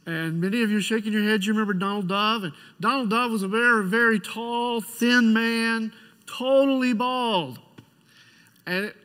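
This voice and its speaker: A middle-aged man preaching a church sermon in a conversational, pastoral way, with halting restarts as he tells stories and prays. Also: high voice, bright, forceful tone. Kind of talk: church sermon with personal storytelling and prayer. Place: large church sanctuary. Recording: church hall with long reverb.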